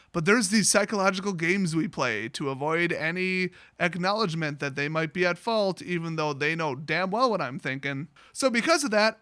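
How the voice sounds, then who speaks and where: Telling a rambling story online, this card-selling vlogger speaks in a bright, high, forceful voice, laced with sarcasm, bluntness, and frequent swearing. His sound is clean and up close, so dry there is essentially no room sound.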